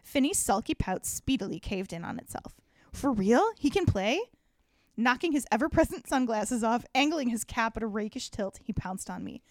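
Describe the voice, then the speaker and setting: A woman's voice: a little high, lively intonation, brisk, few pauses, dry recording, studio quality. A woman co-hosting a comedy podcast, reading a story aloud and laughing often mid-sentence.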